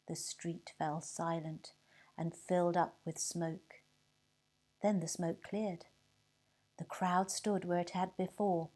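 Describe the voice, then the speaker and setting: Slow mellow woman reading a story. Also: medium pitch. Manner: expressive, whispers and cheerful shouts for effect.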